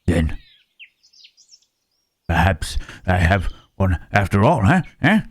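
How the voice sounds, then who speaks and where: A man voicing a gentle, melancholy monster in an ASMR roleplay, speaking haltingly and pensively in formal phrases with questioning hums. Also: very animated, no room sound, heavily acted. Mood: musing, puzzled. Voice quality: low, husky. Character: gentle, melancholy Frankenstein's monster, male, pondering his soul.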